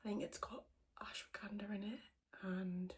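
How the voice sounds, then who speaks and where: A woman podcast host whispering in a hushed, quiet voice so as not to wake anyone, chatting casually in a rambling, self-deprecating way. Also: mid-range voice, little pitch movement, normal speed. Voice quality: whispered, breathy voice. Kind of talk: casual chat to podcast viewers.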